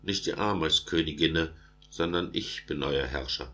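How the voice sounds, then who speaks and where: A man's voice: extremely low pitch, a little slow, pushed and bright, full character voice. A man voicing a penitent, lamenting lion king in a storybook, speaking in rhythmic verse. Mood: domineering. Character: male lion king, unjust ruler turned penitent.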